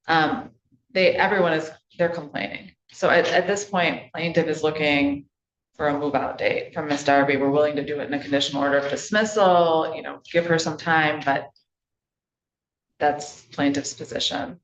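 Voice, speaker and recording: A woman's voice: low voice, fairly even intonation, normal speed. A woman speaking as the landlord's attorney, matter-of-fact and procedural. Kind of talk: legal statement in court. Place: courtroom. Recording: echoey, dull courtroom audio.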